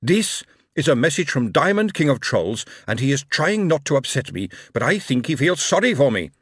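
A man reading an audiobook, voicing a furious male dwarf king who declaims loudly and indignantly. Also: medium pitch, expressive, a little slow, no echo, studio quality, voice pushed up.

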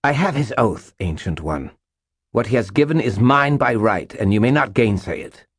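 A man's voice: medium pitch, expressive, normal speed, breathy edge, no room sound, studio quality, pitched above the performer's own voice. A man voicing an ageless, menacing faerie queen who hisses and purrs with cold, possessive regality in a storybook reading. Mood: imperious. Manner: hissing, purring, regal and possessive. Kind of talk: audiobook narration.

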